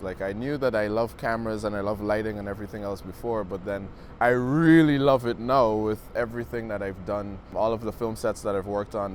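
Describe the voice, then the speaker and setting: A young film student from Guyana, his voice lowish, speaks earnestly and reflectively in a documentary interview, casually peppering his talk with "like." There's a little hiss or hum on the recording.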